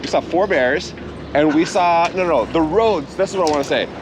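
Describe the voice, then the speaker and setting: Higher-pitched American man chatting on a run. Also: moderate pace. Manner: talking while running. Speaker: running companion. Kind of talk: casual chat. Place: outdoors on city streets. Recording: clear outdoor traffic noise.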